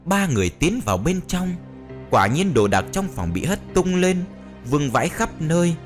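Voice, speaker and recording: A man's voice: sing-song, normal speed. A man narrating a ghost story in a dramatic way, with faint music behind. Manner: dramatic, swinging pitch.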